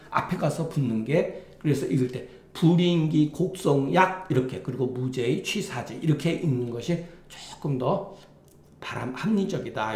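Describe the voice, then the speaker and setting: A man teaching a classical Chinese text as a lecture, talking in a halting way with many restarts and fillers. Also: mid-range voice, a little mellow, echoey room.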